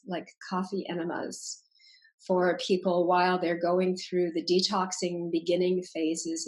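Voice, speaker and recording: A woman's voice: on the low side, low-quality recording. Woman in her sixties, rambling host. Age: 60s. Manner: rambling, stacks several questions with fillers. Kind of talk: interview questions.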